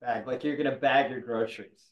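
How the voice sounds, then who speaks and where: A man's voice: mid-range voice, fairly even intonation, fairly quick, muffled recording. A man from the American South hosting a casual podcast chat, teasing his guest in an easygoing way. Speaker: podcast host.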